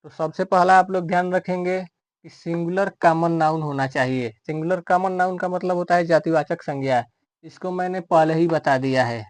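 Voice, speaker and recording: A man teaching a grammar lesson, explaining rules slowly and repeating each step, calling his viewers dear friends. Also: fairly high pitch, fairly even intonation, no room sound. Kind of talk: classroom-style grammar lesson.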